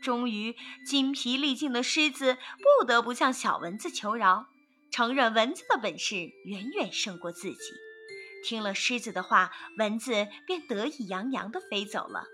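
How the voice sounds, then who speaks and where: A woman narrating a storybook for children in an expressive, sing-song way. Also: on the high side, normal speed, soft background music.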